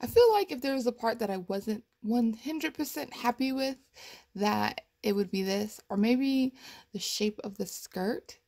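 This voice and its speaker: A woman's voice: a little high, animated, measured pace, gravelly, dark tone. A young woman chatting casually through her cosplay progress photos, rambling and laughing, her voice cracking a little. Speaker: cosplay vlogger. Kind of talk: casual chat. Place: home, at her computer.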